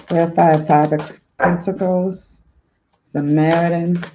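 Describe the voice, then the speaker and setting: A man giving a slow, encouraging spiritual tarot reading to his viewers, repeating affirming phrases, on a dull lo-fi recording. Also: fairly high pitch, flat delivery, mellow, a little hiss or hum. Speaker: spiritual life coach and tarot reader.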